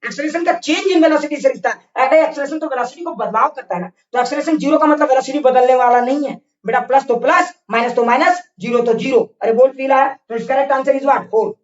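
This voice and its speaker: A man's voice: extremely high pitch, fast talker, hardly any pauses. A male physics teacher runs an online class, repeating each point and firing "got it?" questions. He scolds and coaxes his students in turn. His voice sounds far from the mic in a roomy space, with dull, lo-fi audio. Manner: scolding, repetitive drilling with constant check questions. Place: online class over internet.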